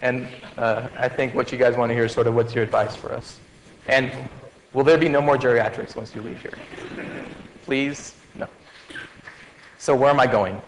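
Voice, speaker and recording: A man's voice: medium pitch, fairly even intonation, moderate pace, long pauses, a little hiss or hum. A man in his forties giving a farewell lecture to medical students, conversational and joking, with many fillers and restarts. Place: lecture hall. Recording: reverberant lecture hall with faint ambience.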